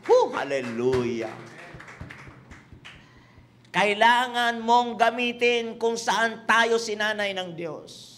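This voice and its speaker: A high-pitched, pushed and bright male voice belongs to a pastor preaching a sermon in a church hall with a congregation present. Mixing Tagalog and English, he repeats his points and teases the congregation.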